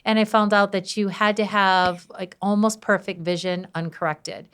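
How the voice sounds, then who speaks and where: A woman in her fifties from Wisconsin, a former police officer, chatting as a podcast guest in a loud, bubbly way and laughing often. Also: medium pitch, level tone, moderate pace, smooth. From Wisconsin, USA. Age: 50s. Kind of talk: casual interview chat.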